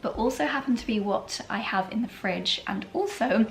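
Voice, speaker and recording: A British woman speaking in a calm, serene, soft voice with a slight tickle in her throat, chatting casually for a cooking vlog. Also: on the high side, normal speed, creaky, a little hiss or hum. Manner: calm, relaxed, serene delivery. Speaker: vlogger, host.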